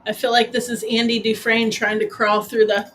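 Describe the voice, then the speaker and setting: A speaker chatting casually during a watch party, making dry quick quips. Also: medium pitch, little pitch movement, a bit bright, a little hiss or hum. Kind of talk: casual chat.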